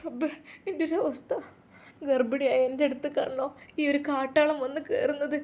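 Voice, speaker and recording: A woman's voice: high voice, fairly even intonation, moderate pace, a little mellow, voice pushed up, close to an everyday voice. A woman voicing a frightened pregnant young wife who pleads tearfully. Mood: distressed.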